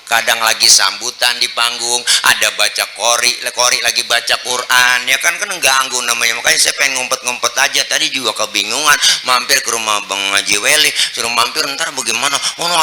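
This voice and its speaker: A man preaching a comic sermon with a Betawi accent, joking and animated, who often jumps into high voices. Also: noisy background.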